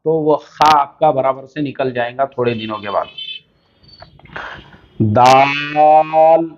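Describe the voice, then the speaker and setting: With a mid-range voice on a lo-fi recording, an Indian man explains Arabic letters to beginners in Urdu. He goes patiently, stretching out every sound.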